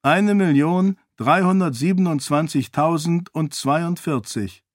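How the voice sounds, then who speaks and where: Audiobook: man doing a young man, earnest and wondering, noticeably raised pitch. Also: slow, dry recording, clean studio sound. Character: young man, newly healed, precise with numbers.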